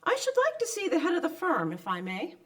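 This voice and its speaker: A woman's voice: extremely high pitch, wildly swooping pitch, brisk, recorded from a distance, full character voice. A woman playing a polite, earnest genteel lady raising funds, speaking formally in old-time radio drama style. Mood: courteous. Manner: courteous, formal, persistent.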